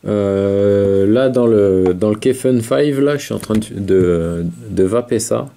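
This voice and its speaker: A man's voice: fairly low pitch, takes it slowly, creaky, dark tone. A man talking casually to camera as a video reviewer, hesitant with many fillers. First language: French. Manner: hesitant, many fillers, talks while vaping. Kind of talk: casual chat.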